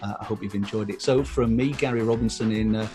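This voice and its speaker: A man's voice: fairly low pitch, fairly even intonation, fast, darkish tone, soft background music. A man hosting an online panel talk over a video call, upbeat and full of "uh" fillers. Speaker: host.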